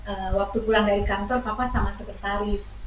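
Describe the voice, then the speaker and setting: A woman's voice: mid-range voice, fairly even intonation, a little hiss or hum, natural voice. A woman preacher voicing a sheepish middle-aged husband who hesitantly confesses to his wife. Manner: hesitant, halting. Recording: echoey church hall from far off.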